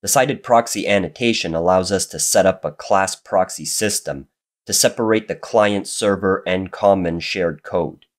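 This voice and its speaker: A man's low-sitting voice, a little nasal and raspy as he gets over a cold, guides viewers through a screen-recorded coding tutorial. He keeps a moderate pace and a steady, methodical style of explanation.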